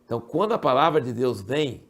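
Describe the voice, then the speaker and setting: A man with a Brazilian Portuguese accent giving a casual Bible study summary, talking conversationally and acting out quoted lines with sudden jumps in pitch. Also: very animated, fairly quick. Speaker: Bible teacher.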